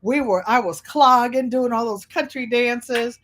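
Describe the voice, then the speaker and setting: A middle-aged woman from Connecticut with a Connecticut accent hosts a quilting livestream, chatting frankly and rambling as she sews and addressing viewers by name. Her voice is on the high side, a bit bright and unhurried.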